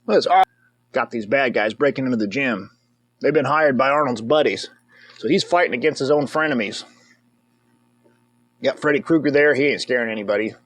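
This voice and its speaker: A man's voice: mid-range voice, brisk, long pauses. A man giving casual, comedic commentary over a movie as a reviewer. He rambles, jokes, and breaks into whoops and cheers.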